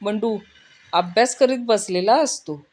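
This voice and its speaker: Brief: woman, middle pitch, slow unhurried joke reader, soft low drop before each speaker's name. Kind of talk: reading jokes aloud.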